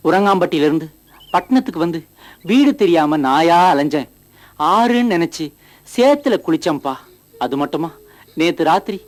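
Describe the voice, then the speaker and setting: An actor playing a naive village son-in-law in a TV comedy, fretful and easily scared. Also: male voice, sits high. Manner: fretful and gullible, quick yelps. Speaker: comic lead actor. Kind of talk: TV comedy sketch acting.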